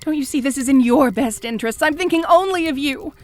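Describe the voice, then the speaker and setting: A woman playing a fanatical, jealous cult high priestess in an audio role-play, fawning and pleading with stammering devotion. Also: a little fast, natural voice. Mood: indignant, demanding. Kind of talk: scripted audio role-play addressed to the listener.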